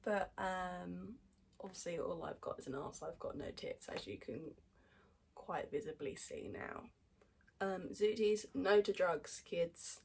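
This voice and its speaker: Husky-voiced woman, blunt chat. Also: lowish voice, measured pace, darkish tone. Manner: blunt and sweary with sarcastic asides. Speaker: podcast host. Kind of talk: casual chat reading out fan messages.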